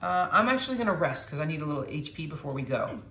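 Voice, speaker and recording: A low-pitched woman, middle-aged, chatting casually to viewers as she plays a board game at home and talks through each rule. Her voice sits in a roomy space with a faint hiss behind it. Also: sing-song, fast talker, a bit bright. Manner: explains rules aloud, chatty, reacts with little exclamations. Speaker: host playing a board game with her daughter.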